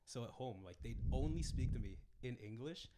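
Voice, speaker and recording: A young Filipino man co-hosts a podcast in casual chat, speaking fairly quickly in a mid-range voice. He swears freely and gets animated when quoting his family. The recording is noisy.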